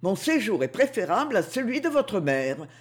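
A woman's voice: mid-range voice, sing-song, normal speed, natural voice. A woman reading an audiobook, voicing a possessive underworld king who coaxes and boasts grandly. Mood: coaxing.

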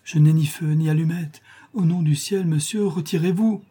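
A man's voice: a little high, moderate pace, mellow, slightly rough, voice pushed up. A man voicing a frightened middle-aged mother who pleads and soothes. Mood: pleading. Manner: pleading, anxious.

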